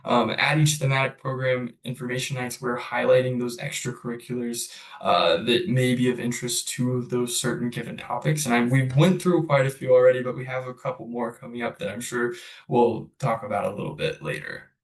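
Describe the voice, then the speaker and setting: A man's voice: mid-range voice, steady tone, a little fast. A man walks through a school presentation on a video call with some hesitant fillers. His mid-range voice comes from a distance. The room around him is echoey. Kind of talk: webinar presentation. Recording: roomy, distant from the mic.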